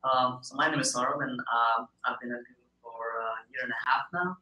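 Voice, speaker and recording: A man in his thirties with an Indian accent, a product manager appearing as a podcast guest, talks casually and reflectively about himself, phrasing things hesitantly with many "you know"s. His medium-pitched voice is steady, brisk, bright and forceful. The recording is muffled and echoey, with a little hiss or hum.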